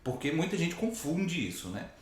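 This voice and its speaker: A hoarse man teaching from the Bible to camera, explaining patiently and rephrasing his points with frequent "né?". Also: on the high side, big pitch swings, moderate pace, slight background noise. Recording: very echoey room.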